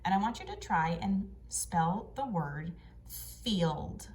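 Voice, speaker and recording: Woman teacher doing phonics drills for kids, stretches out every sound, slightly low voice. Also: animated, a little mellow. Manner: slow, drawn-out sound drills. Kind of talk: phonics lesson for children.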